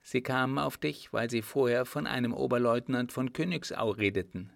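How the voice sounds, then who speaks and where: Male narrator voicing a secretive old market seller, hushed and low, storybook reading, dry sound. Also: moderate pace, gravelly, no room sound, lightly acted. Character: lean poor older male date seller, secretive.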